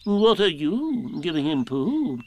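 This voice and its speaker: An elderly, learned storybook owl, pitched well up into a hooting high register. The delivery is very slow and drawn out, with a pompous air of self-importance. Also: male voice, big pitch swings, heavily acted. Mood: polite, curious.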